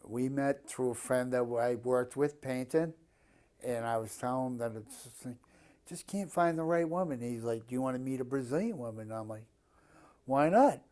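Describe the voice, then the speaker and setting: Mellow Boston man in his fifties. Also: mid-range voice, moderate pace. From Boston area, Massachusetts, USA. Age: 50s. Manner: blunt, plain-spoken, given to swearing. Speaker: interviewee. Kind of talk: casual chat.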